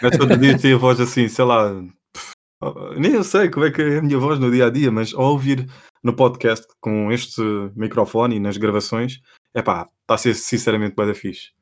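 Relaxed young Portuguese podcast man. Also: mid-range voice, normal speed. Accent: European Portuguese. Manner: relaxed, rambling, many fillers like pá and epá. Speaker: podcast co-host. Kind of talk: casual podcast chat.

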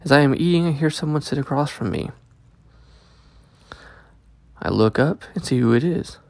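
A man narrating a scripted first-person story as a host, with a gravelly, creaky voice, close to the microphone. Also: on the high side, lively intonation, fast talker, a little mellow, no echo. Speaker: host and story reader of a podcast.

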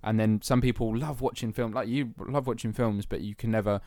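A man's voice: lowish voice, steady tone, a little fast, warm tone, no room sound. A young man from England, chatting casually on a podcast, laughing easily and using plenty of fillers. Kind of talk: casual chat.

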